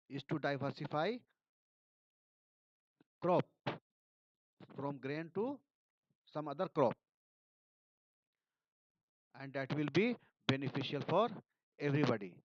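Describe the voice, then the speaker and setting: A man's voice: fairly high pitch, expressive, slow, long pauses, no echo. Indian English man explaining newspaper editorials. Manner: reads passages aloud then explains word meanings. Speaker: teacher. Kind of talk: editorial analysis lesson. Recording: dull, dry sound.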